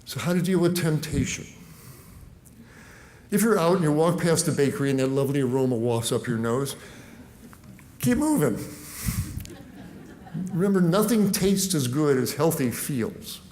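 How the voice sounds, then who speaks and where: Fairly high-voiced male physician, lively conversational health lecturer. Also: a little hiss or hum. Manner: lively, conversational, talks the listener through everyday choices. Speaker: physician giving a nutrition talk.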